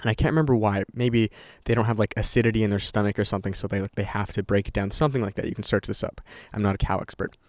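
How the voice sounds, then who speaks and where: A young male vlogger talks unscripted to his camera, rambling, swearing freely and restarting often. His fairly low voice races along steadily with few pauses, captured in clean studio sound with no echo.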